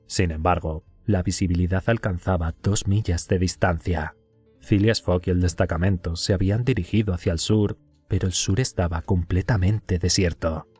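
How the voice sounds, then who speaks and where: Male audiobook reader: very deep, slightly husky, measured and even storytelling. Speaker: audiobook narrator. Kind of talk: scripted audiobook narration.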